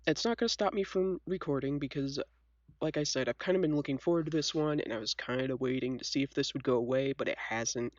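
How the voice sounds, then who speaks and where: This host is a young woman with a cold whose congested, scratchy voice pitches extremely low as she talks fast. She tells stories casually and pokes fun at herself, sniffling along the way. There's no echo, and the highs are cut off.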